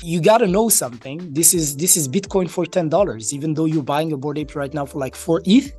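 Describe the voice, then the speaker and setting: Over soft background music, an interview guest from Marrakesh, Morocco, who works as a crypto entrepreneur, shares casual stories and performs bits of dialogue. He talks briskly in a fairly high, husky voice with a warm tone.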